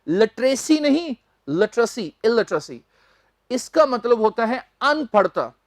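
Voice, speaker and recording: Woman vocabulary teacher, slightly high, unhurried and deliberate, dry close recording. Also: big pitch swings, no room sound. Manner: slow, deliberate, spells words out letter by letter. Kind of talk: newspaper vocabulary lesson.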